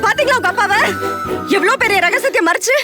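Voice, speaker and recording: An actress playing a betrayed wife who shouts furiously in a TV serial. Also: female voice, fast. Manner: shrill, furious outbursts. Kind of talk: TV serial acting. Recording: music score behind.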